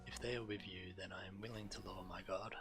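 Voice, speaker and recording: Reading game quest text aloud, this male streamer has a fairly low voice and talks fast. His intonation stays fairly even, and clear music plays underneath.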